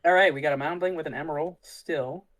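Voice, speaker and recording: A man's voice: on the high side, quick pace, fairly bright tone. A man casually commentating on a card game tournament, musing aloud about the plays as they happen. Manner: thinks aloud, musing and easygoing.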